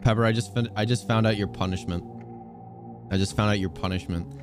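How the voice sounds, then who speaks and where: A man's voice: on the low side, fairly even intonation, a little fast, music in the background. A man streaming a video game, chatting casually with viewers in a teasing, joking way and laughing often. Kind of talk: casual gaming stream chat.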